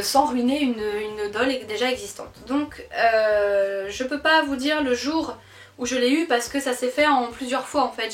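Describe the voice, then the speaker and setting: A young woman chatting casually on her vlog about her doll collection, lively, with many fillers and self-corrections. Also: a little high. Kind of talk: casual chat. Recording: echoey room.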